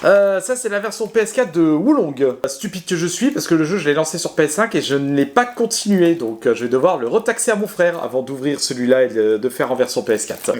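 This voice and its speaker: A man casually showing his video game collection to his viewers, chatty and hesitant, with many fillers, restarts and self-mocking laughs. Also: a little high. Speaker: gaming video creator. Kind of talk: casual talk to camera.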